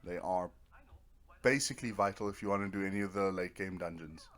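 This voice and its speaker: A man with a low-pitched, fairly bright voice streams a video game, giving casual, rambling let's play commentary fairly quickly with fairly even intonation. He half talks to himself using playful little words. Netflix is playing on a nearby TV, creating clear background noise.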